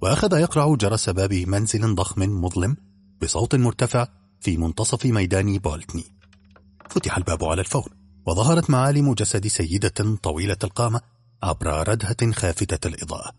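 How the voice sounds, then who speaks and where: A man narrating an audiobook in an expressive storytelling manner. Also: lowish voice, brisk, breathy edge.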